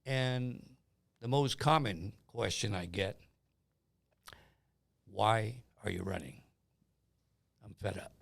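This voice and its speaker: Older man, gravelly voice, from Guam, candidate, chatty and jovial, dry close sound. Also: lowish voice, slow pace, pauses often, fairly bright tone, dry recording. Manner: jovial, chatty, tells anecdotes with quoted dialogue. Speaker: political candidate. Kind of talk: casual interview talk.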